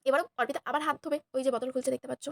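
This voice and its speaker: A young woman with a Bengali accent, slightly hoarse, chatting and teasing her friends as she narrates a casual vlog to viewers. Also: high voice, steady tone, rapid-fire, dry recording. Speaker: vlogger.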